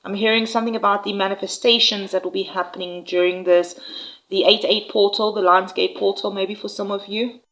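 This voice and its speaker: Unhurried woman reading tarot cards. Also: mid-range voice, fairly even intonation, a bit bright, rough recording. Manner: unhurried, reassuring, with frequent "um" and "all right?" tags. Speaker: tarot reader. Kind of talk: intuitive tarot reading to viewers.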